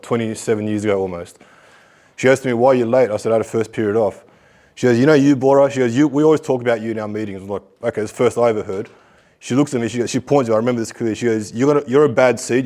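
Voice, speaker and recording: A man's voice: medium pitch, darkish tone. A middle-aged man giving a motivational talk to school students, telling his life story and acting out the conversations in it. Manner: storytelling, acts out dialogue. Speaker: guest speaker. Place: school hall.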